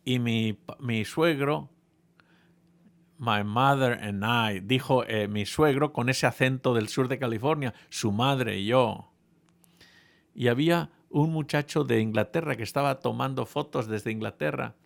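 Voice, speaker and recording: A man preaching a sermon, telling a humorous story to his congregation in a playful, animated way with frequent restarts. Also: mid-range voice, moderate pace, vocal fry.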